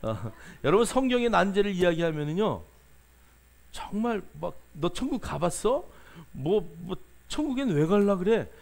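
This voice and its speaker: A man's voice: high voice, sing-song, moderate pace, vocal fry, darkish tone. A male pastor preaching a sermon, questioning the congregation and coaxing answers, with frequent filler sounds.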